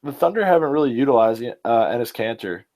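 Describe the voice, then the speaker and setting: A man's voice: mid-range voice, expressive, brisk, darkish tone. Enthusiastic young man chatting sports. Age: early 20s. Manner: enthusiastic, rambling, fillers and restarts. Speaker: podcast host. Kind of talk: casual sports chat.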